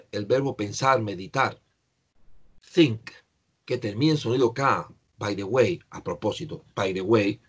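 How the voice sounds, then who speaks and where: Slow husky man teaching English. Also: medium pitch, a little mellow. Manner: slow, patient, spells out words letter by letter. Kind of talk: online English lesson.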